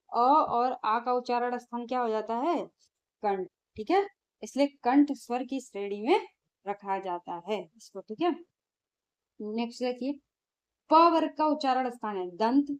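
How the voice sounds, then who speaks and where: A woman's voice: fairly high pitch, darkish tone. A woman teacher, going through exam questions in a lesson and answering her own questions.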